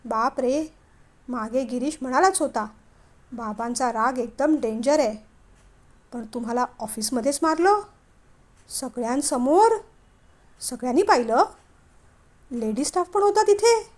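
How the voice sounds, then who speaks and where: A woman's voice: high voice, expressive, measured pace, long pauses, darkish tone. A woman voicing a curious, chatty young wife who fires off eager questions in a storybook reading.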